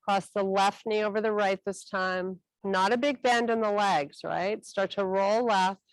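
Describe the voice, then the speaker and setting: A woman with a mid-range, gravelly voice leads a stretching class, guiding students through each position with calm, encouraging cues at a slow, unhurried pace. The recording is dry, close and rough, with no echo.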